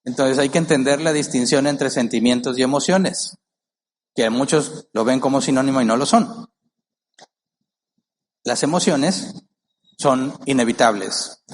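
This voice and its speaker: A man's voice: mid-range voice, a little hiss or hum. A male pastor preaching a sermon, emphatic, firing rhetorical questions at the congregation and acting out quoted voices. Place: church.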